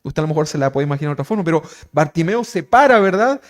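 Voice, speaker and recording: A man preaching a conversational sermon as pastor, animated and constantly asking his listeners questions. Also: on the high side, racing.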